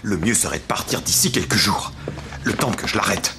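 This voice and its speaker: An actress playing a bossy, alarmed parent in a dubbed TV comedy-drama, giving urgent orders. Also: female voice, a bass voice, expressive, fairly quick, noisy background. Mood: stern, commanding. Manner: urgent, commanding, barking orders. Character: bossy, alarmed police-minded parent herding family to safety. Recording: loud music behind the voice. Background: music.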